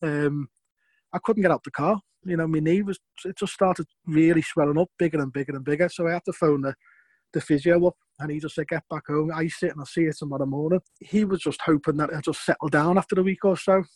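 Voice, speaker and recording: Here a Scouse former footballer in middle age rambles through his career story for an interview, often repeating himself and laughing softly between points. He speaks quickly in a slightly high, a little mellow voice with fairly even intonation, and there's no room sound.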